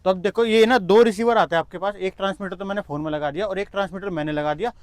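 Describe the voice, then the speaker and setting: A man talks through a product demo at a quick clip in a slightly higher register, chatty and explaining every step as he goes. His voice is close and dry on a clip-on wireless mic. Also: no echo. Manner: chatty, explains step by step while handling gear. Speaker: tech reviewer vlogger.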